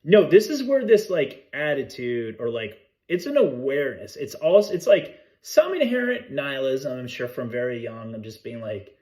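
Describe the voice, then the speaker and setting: A man's voice: mid-range voice, very animated, normal speed, few pauses, a little mellow. A man co-hosting a podcast, talking in casual, rambling chat that often breaks off mid-thought, swearing freely. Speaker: podcast co-host.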